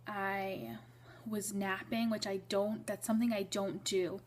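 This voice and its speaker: A young woman telling her own story to the camera in a relaxed, rambling vlog. She talks at an ordinary pitch, with frequent ums and quick self-corrections. A faint hiss of background noise sits under her voice. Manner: chatty, many ums and restarts. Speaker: vlogger.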